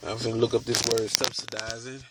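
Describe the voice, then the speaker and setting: A man hosting a video, reading from a book aloud and stopping to comment on it in a deliberate way. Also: medium pitch, little pitch movement, very noisy. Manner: deliberate, stops to comment on what he reads. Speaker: video host.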